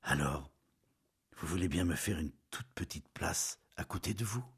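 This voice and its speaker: A man voicing an earnest young husband who pleads softly and grows impatient, in a story read aloud. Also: deep voice, normal speed, slightly rough. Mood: pleading.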